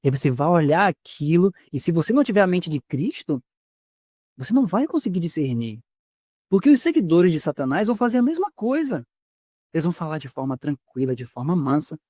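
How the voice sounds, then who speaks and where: An earnest Brazilian preacher delivers a sermon in a fairly high voice, with strong emphasis and frequent rhetorical questions. His voice is recorded close and dry, with no room sound around it. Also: big pitch swings, fairly quick, mellow, dry recording. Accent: Brazilian Portuguese.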